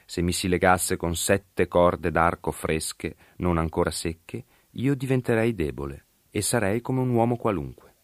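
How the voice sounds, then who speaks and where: A man voicing a proud, mighty strongman who speaks slowly and solemnly. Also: sits low, no room sound, studio quality.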